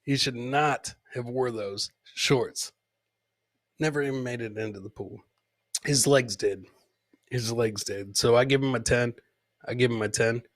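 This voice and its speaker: At a measured pace, a man with a medium-pitched voice runs a live comedy podcast, casually commenting on fail clips. He chats with viewers and tends to repeat his own lines.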